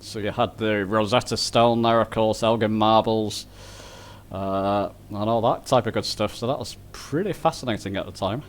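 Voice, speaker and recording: A man's voice: fairly low pitch, moderate pace. Sex: man. Style: chatty voice chat. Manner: chatty, laughs often. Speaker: flight sim group member. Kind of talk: casual voice chat.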